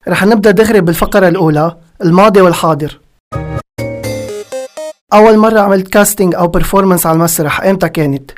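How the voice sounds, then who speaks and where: This man hosts an interview in a Lebanese Levantine Arabic accent. His voice sits high for a man. He speaks extremely fast, in an informal, conversational way. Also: faint music behind. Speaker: interview host. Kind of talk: casual interview questioning.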